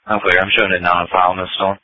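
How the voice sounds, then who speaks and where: A man's voice: deep voice, little pitch movement, racing, pushed and bright, dry recording, muffled recording. A man working as a police dispatcher, giving clipped codes and addresses over police radio.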